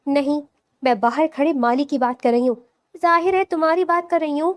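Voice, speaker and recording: A woman's voice: high-pitched, steady tone, lightly acted. A woman voicing a fiery young bride in an audio novel, firing indignant retorts at her new husband.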